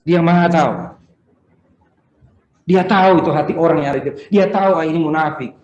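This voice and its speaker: A man preaching a sermon as pastor, telling stories with acted-out dialogue in an animated way. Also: fairly high pitch, a little fast, echoey room, dull audio.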